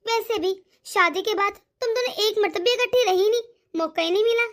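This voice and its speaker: A woman voicing a doting, fretful older mother-in-law in an animated cartoon, speaking softly and with worry. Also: very high-pitched, a little fast. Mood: coaxing. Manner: soft-spoken, worried, coaxing.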